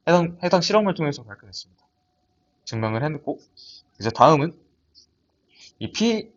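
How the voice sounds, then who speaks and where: A young man gives a research paper presentation in a lab seminar, talking hesitantly with frequent restarts and fillers. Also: on the high side. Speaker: student presenter. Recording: dull lo-fi audio.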